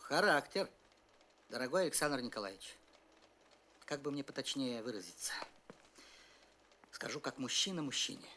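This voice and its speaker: A man's voice: mid-range voice, sing-song, normal speed, pauses often, bright, forceful tone, a little hiss or hum. A man playing a firm, fatherly middle-aged front commander in a war film. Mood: calm authority.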